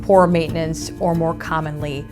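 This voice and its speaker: A woman's voice: sits low, little pitch movement, moderate pace, music in the background. An American woman working as an investigative reporter, delivering and probing in a news exposé style.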